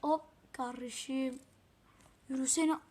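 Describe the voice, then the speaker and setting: A woman giving casual, excitable gameplay commentary, swearing often and talking to herself as she plays. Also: high voice, slow pace, husky. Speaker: gamer playing a mobile game.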